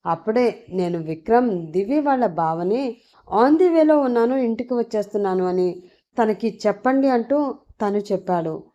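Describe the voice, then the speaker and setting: A woman's voice: lively intonation, moderate pace, warm tone, natural voice. A woman voicing a flustered young woman who grumbles in her head and scrambles for excuses, in an audiobook story. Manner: exasperated inner monologue, higher voice. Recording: dull lo-fi recording.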